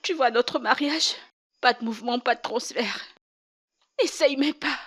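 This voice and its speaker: A woman's voice: fairly high pitch, a little slow, a bit bright. A woman dubbing a defiant, stubborn young wife in a film drama, talking in heated, repetitive challenges. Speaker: wife in a marriage dispute.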